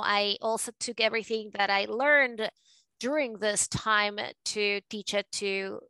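A Venezuelan-born woman with a New York tinge speaks in a bright, crisp voice. She talks in quick, lively bursts as an interview guest. The sound is close and dry. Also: mid-range voice, dry recording, low-quality recording. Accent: Venezuelan Spanish mixed with New York. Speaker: podcast guest, art advisor. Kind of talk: casual interview talk.

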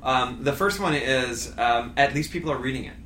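A man chatting on a podcast, telling animated stories with many restarts and fillers. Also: mid-range voice, normal speed, reverberant, slight background noise. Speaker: storm chaser, guest. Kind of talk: casual podcast chat.

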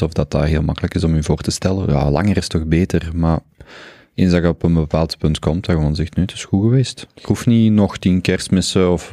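A man in his thirties speaks with a low, gravelly voice on a casual podcast. He weighs his words and stops to search for them. His tone is dark and the recording is dry. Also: dry recording. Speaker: podcast co-host. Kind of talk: casual chat.

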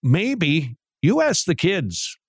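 A man hosting a talk radio show, joking and animated, who often restarts his sentences. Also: a little high, very slow, husky, no echo, clean studio sound.

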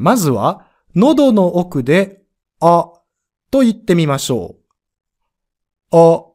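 A man's voice: on the high side, darkish tone. A man teaching a pronunciation lesson on a podcast, explaining step by step and sounding out letters and vowels to demonstrate them.

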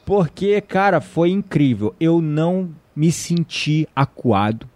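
A man's voice: on the high side, takes it slowly, no room sound. A man telling a story in casual conversation, acting out the voices of the people in it. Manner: animated, acts out quoted voices.

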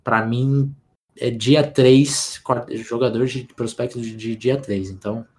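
A man co-hosts a casual sports podcast in an ordinary middle-pitched voice. Relaxed and rambling, he restarts sentences and fills pauses while breaking down players.

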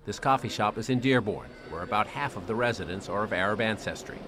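A man narrating a TV news report in a measured, deliberate reporter style. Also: fairly low pitch, a crowd in the background.

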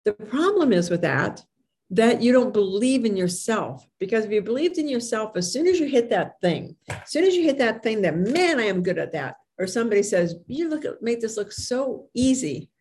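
A woman's voice: medium pitch, big pitch swings, fairly quick, darkish tone. A woman confidence coach giving an emphatic motivational talk, with imprecise R and S sounds, occasional stumbles over words and phrases repeated for effect. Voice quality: speech impediment on R and S sounds. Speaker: confidence coach and public speaker. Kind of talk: motivational talk with personal anecdotes.

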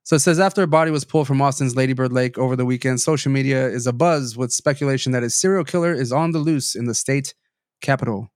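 A man's voice: mid-range voice, fast talker, dry recording, studio quality. A young man hosting a podcast, reading news stories aloud with many fillers and restarts, his sinuses stuffy. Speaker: podcast host.

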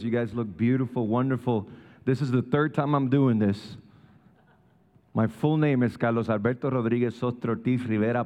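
A man's voice: mid-range voice, a little mellow, lo-fi sound. Man preaching in a reverberant hall. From Puerto Rico. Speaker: guest speaker. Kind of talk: sermon. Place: church service.

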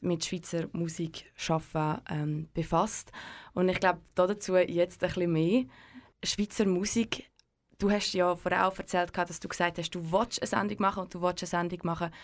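A woman with a Swiss German accent hosting a casual radio interview in an informal, halting way. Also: on the low side. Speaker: radio host.

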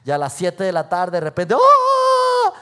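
A Mexican man preaching a sermon in story form, acting out his own dialogue with lively swings in pitch and loudness. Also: a little fast, smooth. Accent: Mexican Spanish. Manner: animated, acts out dialogue with shifting pitch and loudness.

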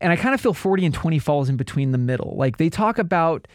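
Higher-voiced man chatting casually, close dry sound. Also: expressive, fast, no room sound. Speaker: podcast host. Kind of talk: casual chat.

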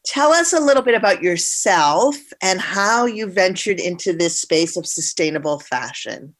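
A woman with a lowish voice and lively intonation hosts an interview show, speaking at a normal speed. In a presenter's style, she introduces topics and puts questions to her guest.

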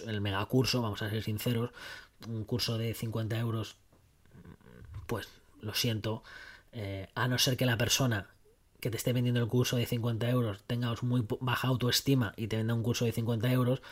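Guy rambling on his podcast, chatty, keeps cutting himself off with asides. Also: medium pitch. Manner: chatty, rambling, self-interrupting with asides and acted quotes. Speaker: podcast host. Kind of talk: casual solo podcast talk.

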